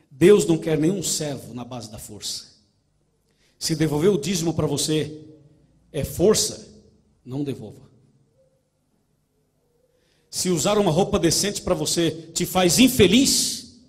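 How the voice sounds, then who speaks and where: A Brazilian preacher tells a story to his congregation and drives the point home. His voice sits a little high and swings widely in pitch, emphatic and engaged. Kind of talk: sermon.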